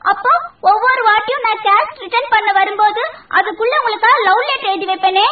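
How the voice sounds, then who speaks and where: A woman's voice: very high voice, fast talker, distant mic. An actress playing an earnest, naive young woman in love. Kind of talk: comedy film dialogue. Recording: tinny lo-fi echoey film audio.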